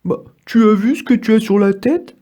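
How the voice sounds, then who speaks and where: A man voicing a playful, giggly little green apple girl in a storybook reading, excited and mocking. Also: high-pitched, normal speed, voice pushed up.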